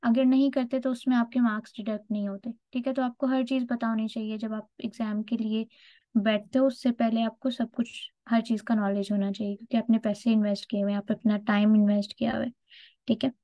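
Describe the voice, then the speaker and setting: A woman's voice: on the high side, level tone, brisk, mellow, no echo. A woman teaching a test-prep lesson, explaining step by step and often checking in with her students. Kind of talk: online lecture. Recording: dull lo-fi dry recording.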